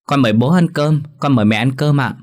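A man's voice: medium pitch, brisk, darkish tone, voice pushed up, natural voice. A man voicing a polite young village girl asking her parents a question at dinner. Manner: polite, respectful.

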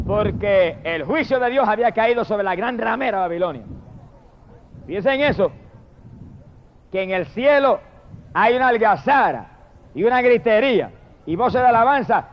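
Fiery high-voiced Puerto Rican preacher. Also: male voice, slight background noise. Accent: Puerto Rican Spanish. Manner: dramatic, shouting drawn-out hallelujahs, then murmured prayers. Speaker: evangelist preacher. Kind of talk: fiery sermon. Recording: dull lo-fi sermon recording.

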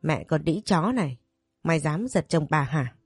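A woman's voice: deep voice, animated, moderate pace, breathy edge, no echo, faint music behind, exaggerated voice. A woman voicing a furious, jealous young wife who hurls accusations in a hysterical way, in a storybook reading.

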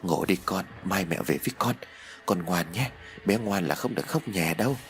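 A man voicing a worried young husband who speaks softly and soothingly to his child and wife. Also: on the low side, expressive, a little fast, soft background music. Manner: soft and soothing. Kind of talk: audiobook character voice.

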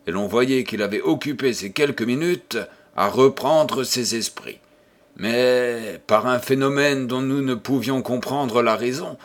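A man reading a novel aloud as audiobook narrator, measured and deliberate. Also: medium pitch. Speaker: audiobook reader. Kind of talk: scripted narration.

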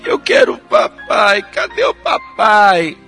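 A man's voice: high voice, animated, moderate pace, creaky, full character voice. A man voicing a frightened little girl who whines tearfully for her father. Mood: pleading. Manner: whiny, tearful pleading. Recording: loud music and rain behind.

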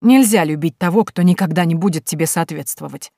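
A woman's voice: sits low, a little fast, creaky, mellow, no echo, studio quality. A woman reading an audiobook voices a proud middle-aged lady who speaks in an indignant, huffy way.

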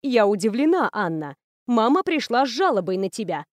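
A woman voicing a stern school principal in her seventies, speaking low, clipped and coldly controlled. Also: very animated, fairly quick, no room sound.

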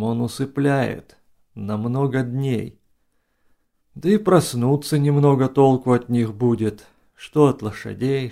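A man reading an audiobook who voices a cautious, knowing male companion with slow, hushed, deferential speech. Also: mid-range voice, vocal fry.

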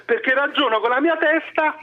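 High-voiced man speaking over the phone. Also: highs cut off. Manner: earnest, halting, restarts sentences. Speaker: radio guest, DJ. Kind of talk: phone-in interview.

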